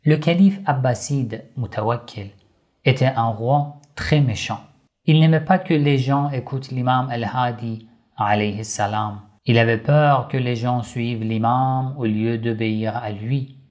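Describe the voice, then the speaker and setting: A man slowly narrating a religious story for children, addressing young listeners gently and deliberately. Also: mid-range voice.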